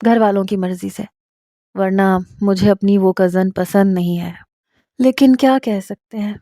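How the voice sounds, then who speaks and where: A woman voicing a smooth-talking, flattering young man in a romantic audio story. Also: mid-range voice, dry recording, studio quality, close to an everyday voice. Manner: flattering, persuasive. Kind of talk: storybook narration.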